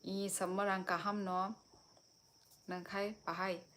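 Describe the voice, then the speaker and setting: A woman's voice: mid-range voice, level tone, takes it slowly, a bit bright, slight background noise. A young woman from Tripura hosting a casual live stream, chatting with viewers and answering their comments.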